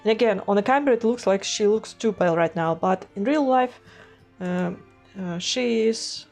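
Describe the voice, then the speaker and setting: A woman vlogger whose first language is Russian talks casually about her art, sounding stuffy from a cold. She hesitates a lot, with many fillers and restarts, speaking at normal speed in a medium-pitched, slightly mellow voice over faint background music.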